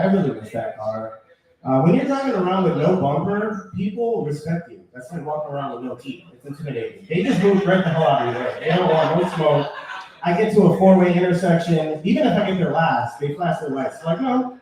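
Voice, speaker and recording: A Puerto Rican man doing an open mic stand-up set, telling stories deadpan and then bursting into shouted punchlines. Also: fairly high pitch, fairly quick. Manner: deadpan storytelling with sudden shouted outbursts. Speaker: stand-up comedian. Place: small bar with live audience. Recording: echoey bar room, mic heard from a distance.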